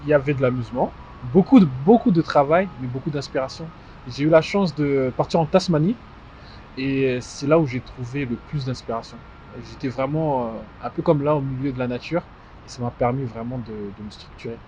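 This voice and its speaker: Born in DR Congo and brought up in Strasbourg, France, this twenty-something man founded a fashion house and is talking as an interview guest. He speaks conversationally in a medium-pitched, dark-toned voice, pausing frequently mid-phrase. The sound is muffled and dull, with music in the background and slight hiss or hum.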